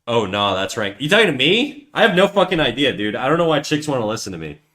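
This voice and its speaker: With big pitch swings and a quick pace, this man speaks in a medium, fairly bright voice. He draws on a livestream while chatting away in a rambling, profane, self-mocking manner, frequently breaking off to start over.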